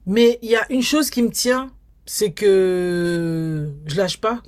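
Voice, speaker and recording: A woman's voice: medium pitch, slow pace. A woman documentary filmmaker from Guadeloupe, speaking in an interview and acting out the inner thoughts she quotes. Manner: animated storyteller, acts out quoted inner thoughts. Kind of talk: interview conversation.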